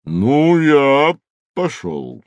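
A man's voice: fairly high pitch, sing-song, voice pushed up, heavily acted. A man voicing a timid, fretful rhinoceros who sighs and mumbles anxiously in an audio drama. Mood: nervous mumbling. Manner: slow, sighing, anxious mumbling.

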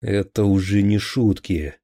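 A stern police colonel in an audiobook thunders his anger in a deep, heavy voice, as a male narrator reads him. The sound is dark and husky, recorded close with no room. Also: normal speed, lightly acted.

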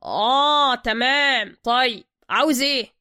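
Woman doing loud bossy Egyptian mechanic boss. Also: sits high, unhurried, dry recording, clean studio sound. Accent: Egyptian Arabic. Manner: shouting, boastful, abusive. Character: loud bossy male master mechanic, hot-tempered.

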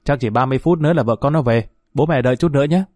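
A man voicing a hot-tempered young husband who talks earnestly and quickly to his family. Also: medium pitch, a little mellow, dry recording, clean studio sound, natural voice.

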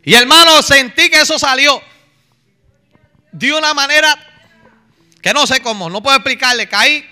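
A man's voice: very high voice, moderate pace, pauses often, pushed and bright. A man preaching a fervent, emotional testimony in a pleading manner. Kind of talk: sermon testimony.

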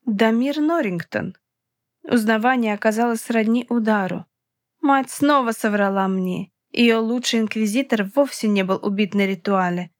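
A woman narrating a fantasy novel in the first person, with a steady, expressive reading. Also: a little high, normal speed, dry recording, clean studio sound. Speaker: audiobook reader.

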